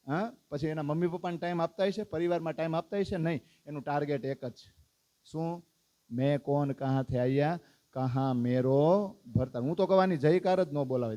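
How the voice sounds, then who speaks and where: A man tells a religious story as a sermon, in a voice pitched somewhat high. He keeps asking his listeners questions and voices the characters' lines himself. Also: a little mellow. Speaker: religious discourse speaker. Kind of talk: storytelling sermon to a live audience.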